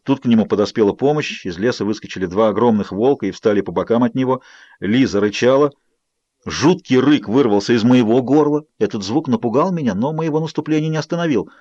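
A man reading a novel aloud in an expressive, measured way, with a mid-range voice. The recording is very dry, with no room sound, and slightly dull in tone. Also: mid-range voice, no room sound. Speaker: audiobook reader. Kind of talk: scripted first-person narration.

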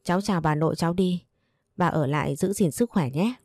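A woman's voice: lowish voice, brisk, a little mellow, dry recording, clean studio sound. A woman voicing a small, frightened daughter who speaks in a pleading, tearful way in a storybook reading.

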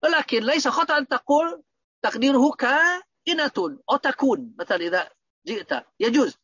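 A man's voice: very high-pitched, animated, fairly quick, pushed and bright, slightly rough, no room sound. A man teaching Arabic grammar in an online lesson, quizzing his students with repeated questions. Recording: dull, dry lo-fi audio.

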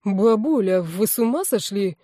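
A woman's voice: medium pitch, lively intonation, moderate pace, warm tone, dry recording, natural voice. A woman reading the part of a rude, irritable grown man in an audiobook, with a dry sound. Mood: gruff flustered. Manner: gruff, then flustered.

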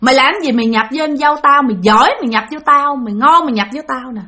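A woman's voice: high-pitched, quick pace. A woman doing an angry blustering older man, Southern Vietnamese. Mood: angry taunting. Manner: shouting taunts.

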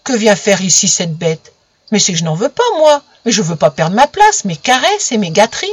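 A woman's voice: mid-range voice, very animated, normal speed, breathy edge, no room sound. Woman doing a grumbling jealous dog. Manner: growling, indignant. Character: grumpy jealous pet dog, male.

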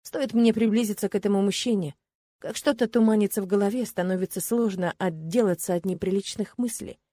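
A woman reading a first-person romance audiobook in an expressive, ironic way. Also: mid-range voice, brisk, no echo, studio quality. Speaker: audiobook narrator.

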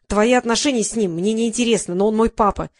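A furious thirteen-year-old girl hurls accusations and mockery at her mother, as a woman reads her part. Her tone is sharp and contemptuous, a storybook figure. The recording is close and dry. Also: fairly high pitch, quick pace, dry recording, lightly acted. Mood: accusing. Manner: accusing, mocking.

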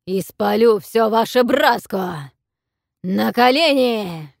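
A huge bronze dragon, a cruel male tyrant who roars his orders in a loud, booming, commanding voice, as a woman reader puts him on. The sound is dry and close, with no room around it. His words come slow and heavy. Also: expressive, creaky, no room sound, full character voice. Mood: threatening.

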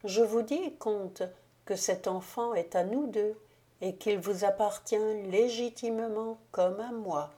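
A woman voicing the ghost of a dead countess in an audiobook, speaking gravely, solemnly and softly. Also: mid-range voice, slow, close to an everyday voice. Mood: solemn, hushed. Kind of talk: audiobook reading.

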